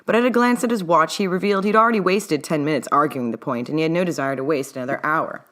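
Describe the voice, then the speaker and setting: This woman's deep, fairly bright voice moves fast as she narrates her own fan fiction the way an audiobook would. She speaks with an old-timey mid-Atlantic accent leaning English.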